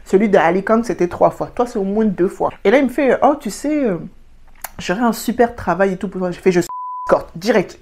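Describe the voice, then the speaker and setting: A woman's voice: medium pitch, fairly quick. A young woman from France with a French accent, telling travel stories in a chatty, casual storytime vlog and dropping in English words. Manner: chatty, animated, slangy with English words mixed in. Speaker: travel vlogger.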